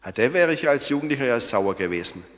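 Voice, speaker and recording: A man's voice: mid-range voice, sing-song, quick pace, fairly bright tone. A man preaching a sermon on a Bible verse, talking in a conversational way and asking his listeners questions. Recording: long hall reverb.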